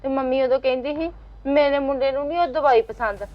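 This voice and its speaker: A woman's voice: sits high, fairly quick, muffled recording, close to an everyday voice. A woman playing a blunt, indignant sister-in-law who complains at length about a troubled relative. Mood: complaining. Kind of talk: Punjabi web drama acting.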